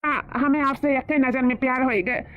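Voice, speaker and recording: A woman with a high voice, speaking at a moderate pace with light acting, plays a smug village man who flirts. She sounds wheedling and boastful in this comedy sketch. The audio is tinny, like a phone line.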